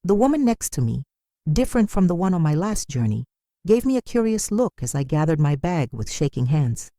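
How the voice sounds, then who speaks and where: A woman reading a scripted first-person story in an even, measured way. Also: on the low side, no room sound, studio quality.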